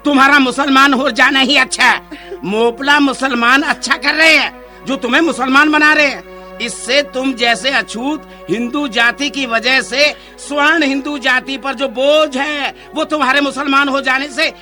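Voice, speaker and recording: A man playing a scornful, high-voiced temple priest. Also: fairly even intonation, measured pace, sharp tone, faint music behind, exaggerated voice. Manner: contemptuous, commanding, tuts in disgust. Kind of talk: street play acting.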